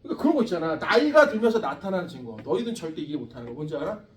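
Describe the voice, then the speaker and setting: A man in his forties teaching a science class, lively and chatty, often questioning his students. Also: on the high side, rapid-fire, echoey room, far from the mic, slight background noise. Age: 40s. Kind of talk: classroom lecture.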